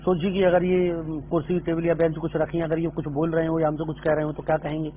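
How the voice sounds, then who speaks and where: A man's voice: fairly high pitch, completely flat delivery, fast. A middle-aged man giving a spoken lecture on acting, explaining and mixing English terms into his talk. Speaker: drama lecturer. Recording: tinny phone-line audio with faint hum.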